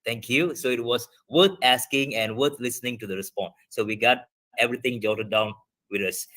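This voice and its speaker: A man's voice: mid-range voice, moderate pace, pushed and bright. A man speaking over a video call as a debate judge, giving loose, filler-heavy feedback to students. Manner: rambling, many fillers and restarts. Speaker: debate adjudicator.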